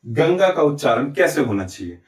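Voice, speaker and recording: A man's voice: mid-range voice, big pitch swings, normal speed. A man teaching a Hindi grammar lesson with a Chhattisgarh accent, explaining step by step and answering his own questions. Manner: often adds "ठीक है?" and "है ना?" to check understanding. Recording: echoey room, recorded from a distance.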